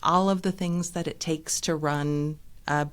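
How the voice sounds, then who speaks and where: A woman's voice: deep voice, fairly even intonation, measured pace, clean tone. A woman from Nevada, a nonprofit executive director and lawyer, speaking as an interview guest in an articulate, explanatory manner. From Reno, Nevada. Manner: articulate, explanatory, listing things.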